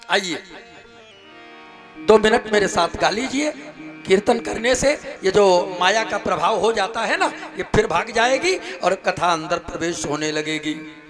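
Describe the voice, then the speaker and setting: A male preacher giving an emphatic religious discourse on stage, with rhetorical questions, then leading slow devotional singing. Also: sits high. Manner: emphatic, rhetorical questions, sings kirtan slowly. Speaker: kathavachak preacher. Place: outdoor religious gathering stage. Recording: live stage audio with music behind. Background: devotional music.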